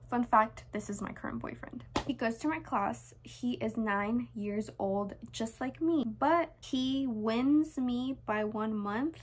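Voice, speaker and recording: A young woman with a fairly high voice reads her childhood diary aloud. She sounds amused and a little embarrassed by it, gently mocking herself. The reading is broken up by casual, chatty asides. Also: a little hiss or hum. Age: young adult. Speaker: vlogger. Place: small bedroom, indoors.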